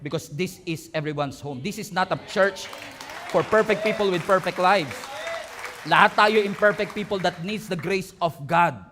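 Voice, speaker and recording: Male pastor with a high voice, animated sermon delivery. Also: moderate pace, crowd noise, noisy background. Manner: animated preaching, acts out quoted voices, laughs along.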